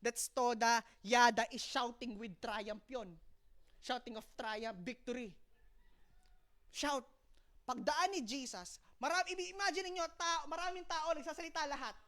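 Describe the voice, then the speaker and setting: A Filipino woman preaching a sermon, mixing in English, calling out "Amen" and swinging from loud exclaiming to hushed storytelling. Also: high voice, measured pace, dry recording. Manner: mixes English into her preaching, calls out "Amen".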